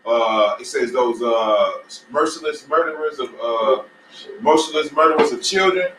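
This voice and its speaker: A man in a religious group discussion who speaks haltingly, with many fillers, while citing scripture. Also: medium pitch, a bit bright, a little hiss or hum. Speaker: discussion participant. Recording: echoey room, voice from a distance.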